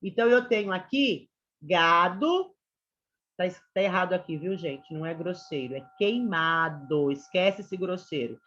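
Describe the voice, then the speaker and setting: A woman's voice: on the low side, animated, measured pace, a bit bright, slight background noise. A Brazilian woman teacher giving a chatty online literature lesson to students, often checking in with them. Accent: Brazilian Portuguese. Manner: chatty, addresses students as "gente" and "galera". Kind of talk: online class lecture. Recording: slightly dull lo-fi sound.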